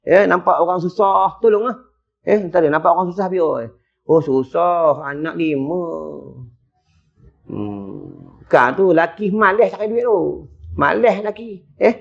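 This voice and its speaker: A male preacher with a Malaysian Malay accent gives a lively, humorous religious lecture in a mosque hall. He keeps checking in with his listeners as he talks. His voice is high, and the lo-fi recording sounds dull. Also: unhurried, vocal fry. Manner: chatty, tags lines with questions to the crowd.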